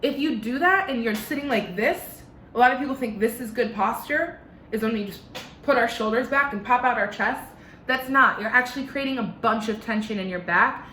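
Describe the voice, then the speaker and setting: A woman's voice: fairly high pitch, normal speed, sharp tone, echoey room, slight background noise. A young woman with a slight lisp teaching an online singing lesson from her living room, giving step-by-step instructions.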